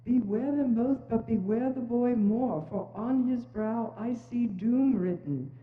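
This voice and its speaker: A woman's voice: on the high side, a little slow, natural voice. A woman playing a solemn, stern, aging Christmas spirit in a stage reading, speaking in declamatory warnings. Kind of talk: amateur dramatic reading on stage. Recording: muffled, echoey church hall.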